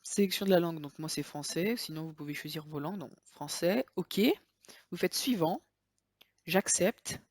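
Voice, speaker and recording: Speaking at a normal speed in a deep voice, a woman narrates a screen-recording walkthrough of some software in a casual, chatty way. The sound is dry and studio-clean, and she frequently hesitates and corrects herself.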